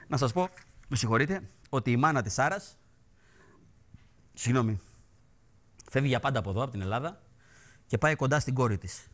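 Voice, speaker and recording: A man's voice: mid-range voice, a bit bright. A man hosting a TV show, delivering satirical political commentary in a mocking, theatrical way. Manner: mocking, theatrical, sing-song teasing. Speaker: TV show host.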